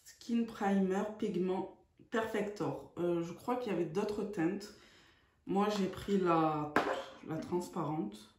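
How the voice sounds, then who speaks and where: A woman's voice: lowish voice, slow pace, a little mellow, slight background noise. A woman chatting through a makeup tutorial, hesitant and full of fillers. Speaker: beauty vlogger. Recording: echoey room.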